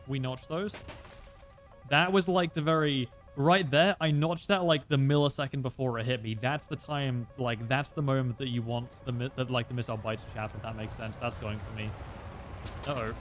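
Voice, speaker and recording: A man's voice: medium pitch, fairly even intonation, normal speed, soft background music. A young man streaming a flight game, chatting casually and explaining tactics with lots of fillers. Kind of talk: casual gameplay commentary.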